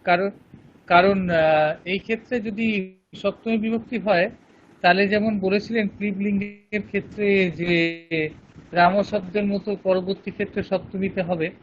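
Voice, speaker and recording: A man's voice: high voice, steady tone, measured pace, highs cut off, a little hiss or hum. A male student in an online class, asking a question hesitantly with many restarts.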